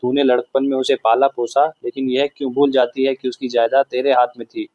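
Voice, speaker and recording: A man's voice: mid-range voice, level tone, fairly quick, darkish tone, no room sound, dull audio, lightly acted. Man reading as a shrewd village clerk. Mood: reproachful. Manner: reasoning, reproachful. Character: village record-keeper, shrewd middle-aged official.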